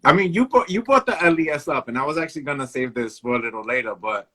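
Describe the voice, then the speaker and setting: A man's voice: medium pitch, expressive, quick pace, sharp tone, slightly rough. A man hosting a casual interview, playful and slangy with a hyped manner. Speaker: interviewer host.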